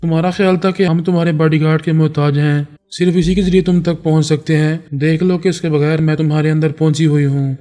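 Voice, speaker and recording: A woman's voice: low-pitched, fairly even intonation, hardly any pauses, dark tone, lightly acted. A man voicing a domineering female telepath who scolds and accuses in a storybook reading. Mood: stern. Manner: stern, accusing.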